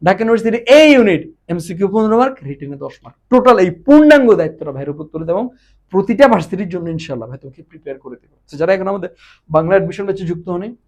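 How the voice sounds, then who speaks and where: A man's voice: sits high, lively intonation, darkish tone. A man teaching an exam-prep lecture online, quizzing students and stretching words out to show examples in a casual, brotherly way. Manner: drawn-out demonstrative words, quizzing questions to students. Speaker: Bengali admission tutor.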